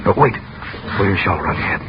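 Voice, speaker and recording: Ask: Give me a steady adventurer uncle on AM radio. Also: male voice, deep voice, fast talker, noisy background. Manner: steady, commanding. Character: calm protective adult uncle, an adventurer. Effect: old AM radio broadcast sound. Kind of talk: 1930s radio drama acting. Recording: muffled vintage radio recording with music.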